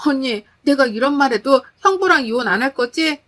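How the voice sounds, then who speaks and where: A woman's voice: high voice, lively intonation, a little fast, a bit bright, pitched above the performer's own voice. A woman voicing an upset, tearful younger sister, a young woman complaining in exasperation. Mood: tearful complaint.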